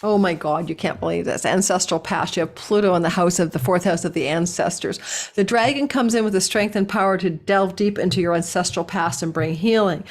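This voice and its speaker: Speaking fairly quickly in a lowish, hoarse voice, a woman hosts an informal horoscope reading that keeps wandering off topic. She's indoors at a relative's place and laughs at herself now and then.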